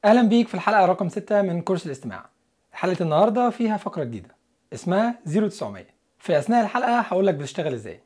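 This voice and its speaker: A man with an Egyptian Arabic accent teaching an English listening lesson, explaining step by step and slowing down for the English example sentences. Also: sits high, sing-song, darkish tone. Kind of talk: scripted lesson narration.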